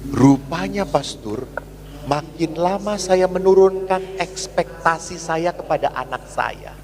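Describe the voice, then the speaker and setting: Priest preaching in an echoey church. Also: male voice, high voice, background noise. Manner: storytelling with acted dialogue, slow hushed emphasis. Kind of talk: sermon. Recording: reverberant church hall with congregation. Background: congregation.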